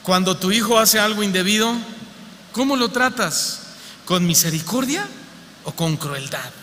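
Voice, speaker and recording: A man with a Mexico City accent preaches to his congregation, keeping it conversational and humorous and firing off rhetorical questions. His voice sits a little high and rings bright and forceful. The church hall gives it a long reverb over a faint background hum. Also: animated, a little slow. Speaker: pastor. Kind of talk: sermon.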